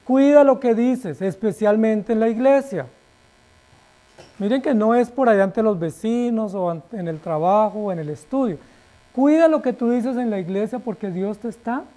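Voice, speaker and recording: His pitch is extremely high as the male pastor delivers a forceful sermon. Rhetorical questions punctuate it, and each phrase trails off softly at the end.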